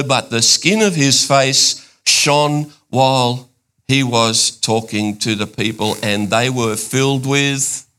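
Excitable preacher, bright voice. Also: male voice. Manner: excitable, rising to high emphatic bursts then dropping quiet and intimate. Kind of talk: sermon.

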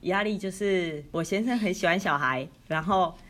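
A woman's voice: lowish voice, normal speed. Laid-back Taiwanese woman in her thirties. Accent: Taiwanese Mandarin. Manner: relaxed, candid, frequent laughs. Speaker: podcast co-host. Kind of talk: casual chat.

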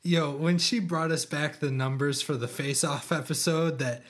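A man's voice: a little high, steady tone, normal speed, fairly bright tone. A young man co-hosting a podcast in laid-back, playful casual banter. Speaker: podcast co-host.

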